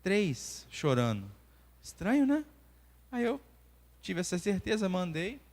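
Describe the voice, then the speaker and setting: A man's voice: high voice, slow. A Brazilian man in his forties teaching a church class as a doctor, telling stories and acting out the dialogue. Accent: Brazilian Portuguese. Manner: animated storytelling, acting out dialogue. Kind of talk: church lesson with personal stories. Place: church hall. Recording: long reverb of a church hall.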